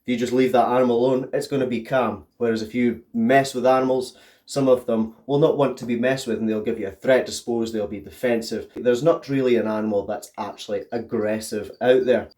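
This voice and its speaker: A man presents a casual pet vlog in a mid-pitched voice. He sounds stuffed up, as if his throat and tonsils are swollen from hay fever. His delivery is chatty and explanatory, aimed straight at his viewers. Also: fairly even intonation, fairly quick, darkish tone. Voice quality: thick, congested voice. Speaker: tarantula keeper and video host.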